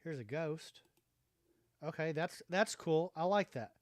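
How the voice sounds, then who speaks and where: A man's voice: a little high, lively intonation, measured pace, dry recording, studio quality. A man hosting a casual livestream chat, thinking aloud in a hesitant way. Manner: hesitant, thinking aloud while figuring things out. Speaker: livestream host.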